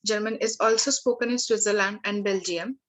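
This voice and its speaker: Young woman, tutor, live beginner lesson, halting delivery, lots of fillers, medium pitch. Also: steady tone, poor audio. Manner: halting, many restarts and fillers.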